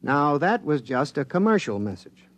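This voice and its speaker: In the style of a 1950s radio drama, an actor plays an earnest, modest male government scientist who explains technical matters hesitantly and matter-of-factly. His voice is a little high and a bit bright, very animated, at a moderate pace.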